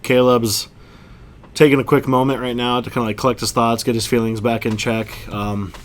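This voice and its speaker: A man's voice: medium pitch, flat delivery, moderate pace. A man co-hosting a satirical podcast, speaking earnestly and often repeating his phrases. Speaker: podcast co-host.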